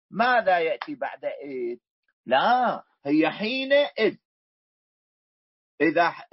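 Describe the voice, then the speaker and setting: Iraqi guy teaching grammar class, kinda high husky voice, keeps repeating stuff and asking questions, dull lo-fi sound. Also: no room sound. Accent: Iraqi Arabic. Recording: dull lo-fi recording.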